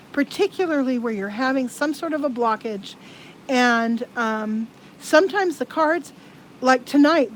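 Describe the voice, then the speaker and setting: A woman giving live tarot card readings to viewers. She talks in a halting, earnest way with many restarts. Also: sits high, slight background noise, rough recording.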